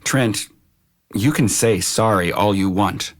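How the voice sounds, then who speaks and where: In an audio drama, a man with a lowish voice plays a stern, protective middle-aged uncle. He speaks firmly and in a measured way, admonishing and reproachful.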